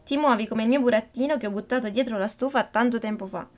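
Brief: cheeky young boy, loud and high, storybook, woman reader voicing him. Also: fast talker, lightly acted.

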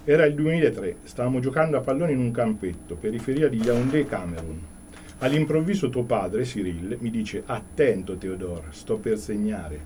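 A man, an author, reads a chapter of his own book aloud in an earnest, steady way, then chats about it. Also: medium pitch, brisk, a little hiss or hum.

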